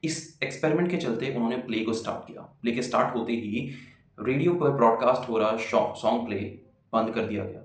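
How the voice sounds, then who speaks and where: A man with a mid-range voice narrates a video as suspenseful, dramatic storytelling, using pauses and rhetorical questions. The recording has a roomy echo with music playing behind him.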